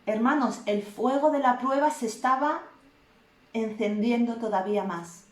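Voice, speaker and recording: A woman from preaching a sermon, retelling a story slowly and with emphasis, repeating key phrases. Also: fairly high pitch. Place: church hall. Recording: echoey room.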